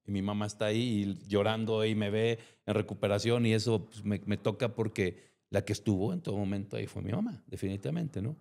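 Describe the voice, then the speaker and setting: A guest with a Mexican accent recounts a personal testimony with emotion, playing out remembered dialogue. His voice is fairly low, creaky and darkish, and he speaks a little fast.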